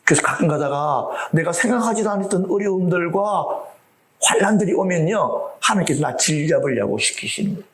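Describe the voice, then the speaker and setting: Animated Korean pastor, lively preaching. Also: male voice, on the high side, a little fast. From South Korea. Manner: animated, swings between loud outbursts and whispered asides; acts out quoted voices while preaching. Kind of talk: sermon. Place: church before a live congregation.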